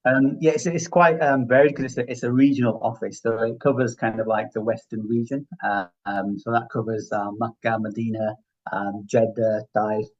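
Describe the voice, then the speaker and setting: Heard on a recording with the highs cut off, this healthcare finance professional speaks at normal speed in a mid-range voice with fairly even intonation. He's a middle-aged Yorkshireman with a broad accent. As an interview guest, he answers reflectively and conversationally, often checking that the listener agrees.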